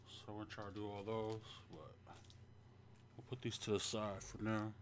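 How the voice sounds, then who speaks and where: A man's voice: fairly low pitch, level tone, normal speed, noisy background. Laid-back man hosting a livestream. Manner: laid-back, greets viewers by name. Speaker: channel host. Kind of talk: casual livestream chat. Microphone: desk microphone.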